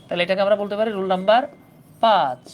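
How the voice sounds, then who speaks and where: A fast-talking grammar teacher with a mid-range voice gives a live online class to prepare students for job exams. Still patient, the teacher goes over points repeatedly and keeps checking that everyone is following.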